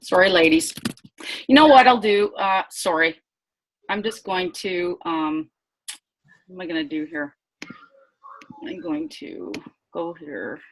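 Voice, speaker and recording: Speaking slowly with frequent pauses, this woman has a fairly low, very animated voice with vocal fry. She's a team leader giving a casual live sales training online via computer mic, flustered and sorry at first with muttered swearing, then encouraging and talkative.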